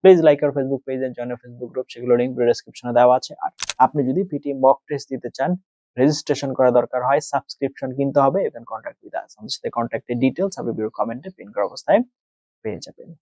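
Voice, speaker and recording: A man teaching a test prep lesson. He asks and answers his own questions, and he slows down and spells things out when he speaks English. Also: medium pitch, dark tone, no echo. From Bangladesh. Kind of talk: tutorial lesson, mixing Bengali and English. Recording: dry, dull lo-fi sound.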